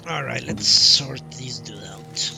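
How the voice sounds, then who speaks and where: With game music in the background, a male streamer muses through casual live commentary on his gameplay in brief, thought-out-loud phrases. He speaks slowly at a medium pitch with a creaky voice.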